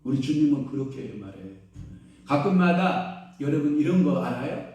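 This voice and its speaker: A male pastor preaching a sermon, quizzing the congregation with questions and swinging between hushed and loud exclaiming. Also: a little high, animated, moderate pace. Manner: call-and-response questions to the congregation. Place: church sanctuary. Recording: echoey church hall, distant mic.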